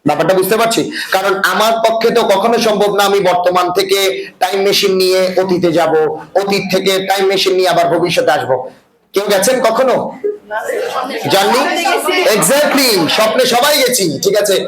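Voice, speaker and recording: Man, high voice, classroom teacher, echoey room, chattering students behind. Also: brisk, crowd noise. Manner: asks the class frequent check-in questions. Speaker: English teacher. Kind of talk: classroom lecture.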